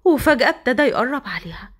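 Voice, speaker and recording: A woman with an Egyptian accent narrating a romance story in a dramatic, quick manner. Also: high-pitched, very animated, breathy edge.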